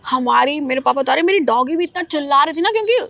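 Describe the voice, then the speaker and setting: A young woman, a podcast guest, telling a personal ghost story in an animated, emphatic way. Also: high voice, quick pace, gravelly.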